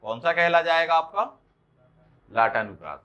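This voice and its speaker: Bright-voiced male Hindi exam-prep teacher. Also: fairly high pitch, big pitch swings, highs cut off, slight background noise. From India. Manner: explanatory, checks understanding with questions; reads example lines slowly and deliberately.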